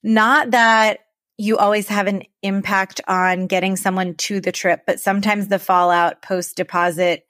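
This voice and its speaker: A woman co-hosting a podcast for travel advisors, chatting casually in a rambling, animated way. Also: mid-range voice, unhurried, dry recording, clean studio sound.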